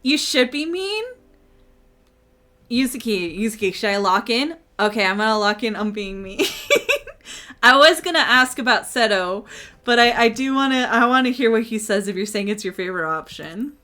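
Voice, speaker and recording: A woman's voice: medium pitch, moderate pace, pushed and bright. A woman live-streaming a game with casual commentary in a cute, bubbly, giggly manner. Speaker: variety streamer and VTuber. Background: game music.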